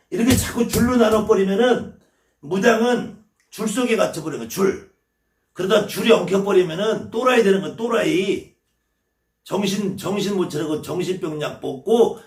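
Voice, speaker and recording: A man's voice: high-pitched, a little mellow, echoey room, recorded from a distance. A man from the Chungcheong region, a shaman teaching his viewers, blunt and scolding and swearing freely as he lectures. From Chungcheong, South Korea.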